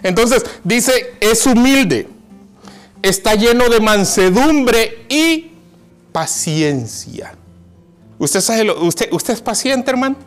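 A man preaching a sermon in a notably high voice. He swings from raised, urgent lines to near-murmurs, calling listeners brother and asking them questions. A quiet guitar plays underneath. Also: animated, slow pace. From Mexico.

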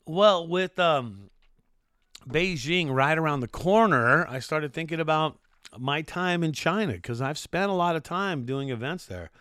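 A man's voice: fairly high pitch, expressive, a little slow, a bit bright, smooth, dry recording, clean studio sound. A middle-aged American man hosting his own podcast, chatting in an upbeat, rambling way with lots of fillers. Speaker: podcast host and sports announcer. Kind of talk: casual solo podcast talk.

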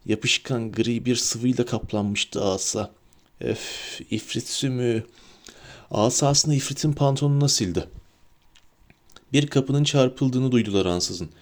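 Man, audiobook narrator, dramatic storybook reading, lively delivery. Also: medium pitch.

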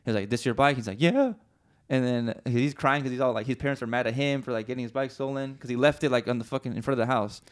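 A man's voice: mid-range voice, steady tone, quick pace, hardly any pauses. A man telling a long story in casual chat, rambling and slangy, swearing often, with many restarts. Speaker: podcast co-host.

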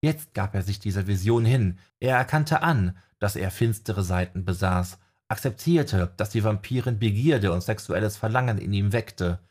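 A man narrating a fantasy audiobook in a calm, measured reading style. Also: lowish voice.

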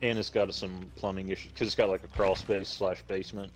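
A man's voice: low-pitched, little pitch movement, a little fast, faint music behind. A man, chatting casually with friends over a game, slightly lisping and swearing freely. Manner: laid-back, swears freely, slight lisp from a new denture. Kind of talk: casual gaming voice chat.

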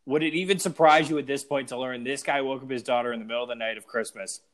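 Animated young man chatting on a podcast. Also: mid-range voice, fast. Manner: animated storyteller, laughs and trails off mid-thought. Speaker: podcast co-host. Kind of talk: casual podcast chat.

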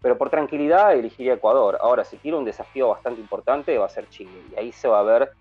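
A man giving relaxed, opinionated views on football in a casual chat. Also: mid-range voice, quick pace. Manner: relaxed opinionated talk with fillers. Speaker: panelist. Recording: dull lo-fi sound, faint music.

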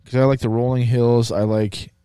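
A man, chatting loosely and crudely with a friend. His mid-pitched voice sits close and dry, with no room around it. He jokes and repeats his own catchphrases. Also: little pitch movement, normal speed, dark tone, clean tone, no echo. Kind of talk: casual chat.

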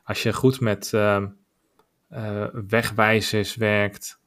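A man with a Dutch accent co-hosting a podcast, talking in a measured, opinionated way with many filler pauses. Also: lowish voice, little pitch movement, fairly bright tone. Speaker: podcast co-host. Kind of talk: casual podcast discussion.

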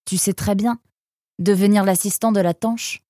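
A woman's voice: mid-range voice, fairly even intonation, moderate pace, mellow, no room sound, clean studio sound, voice pushed up, lightly acted. A woman voicing a male creature who scolds his friend in an exasperated, reproachful way, in a storybook reading.

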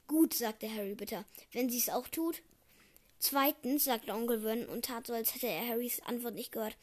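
A young girl reading a novel aloud, often stumbling over words and correcting herself. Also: a little high. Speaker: reader.

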